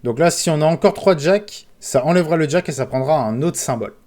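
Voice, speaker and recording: A man streaming casino games, commentating live, excitable, pleading with the game and calling out sums. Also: fairly high pitch, fairly quick.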